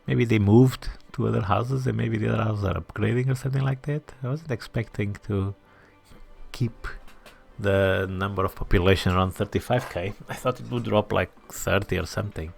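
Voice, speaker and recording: A man's voice: lowish voice, moderate pace, gravelly, soft background music. A man hosting a city-building game playthrough, thinking aloud, muttering asides to himself and now and then dropping to a whisper, chatty and self-deprecating toward his viewers. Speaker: gaming channel host. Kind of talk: let's-play commentary while building a city.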